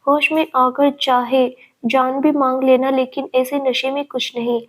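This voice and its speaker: A tender young man from a storybook who soothes and coaxes his partner, soft and remorseful, as a woman narrator voices him. The voice stays high and flat, with little change from the narrator's own. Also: unhurried. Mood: gentle coaxing. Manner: soft and coaxing.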